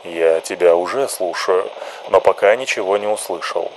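A confident radio-play judge with a low, velvety voice, as a male audiobook reader puts him on. He talks languidly and a little from above. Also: normal speed, slight background noise, poor audio. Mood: haughty calm. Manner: languid, slightly condescending.

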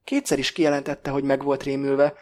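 A man's voice: medium pitch, little pitch movement, lightly acted. A man voicing an earnest, fussy young man. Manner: serious, gently probing, then irritated.

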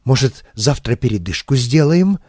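A man reading an audiobook, voicing a gruff old gardener who barks orders loudly. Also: mid-range voice, big pitch swings, normal speed, no room sound, clean studio sound.

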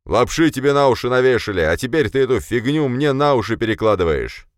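A man voicing a fat, bossy middle-aged police chief who shouts and blusters. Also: deep voice, expressive, normal speed, no room sound, studio quality. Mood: blustering, angry.

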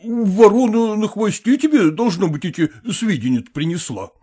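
A man's voice: high voice, animated, normal speed, warm tone, husky, pitched above the performer's own voice. A man voicing a condescending, evasive professor who soothes and patronizes a jealous woman, reading an audiobook. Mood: patronizing. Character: condescending middle-aged male professor, evasive.

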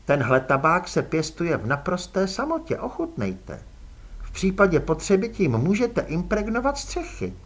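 A man's voice: high-pitched, wildly swooping pitch, exaggerated voice. A man reading an audiobook and voicing an elegant, aristocratic female vampire who talks coolly and with poise. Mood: cool, poised. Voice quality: cool, poised, drawling. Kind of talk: audiobook character voice.

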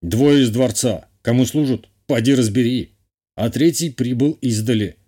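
A man voicing a loyal male bodyguard in his thirties, who speaks in a slow and deferential way in an audiobook. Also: medium pitch, dark tone, natural voice. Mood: reporting.

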